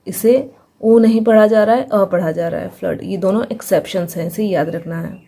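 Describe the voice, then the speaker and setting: A woman with an Indian accent teaching English reading, spelling out letters slowly and blending them into words. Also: medium pitch, dark tone. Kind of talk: phonics lesson.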